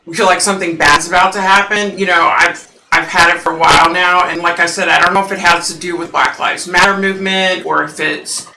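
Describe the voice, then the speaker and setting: Fairly quick and gravelly, a woman with a lowish, scratchy, husky voice chats with viewers on her home psychic livestream. Her intonation stays fairly even, her tone is sharp, and her rambling is heavy with fillers; the mic is distant and the room echoes.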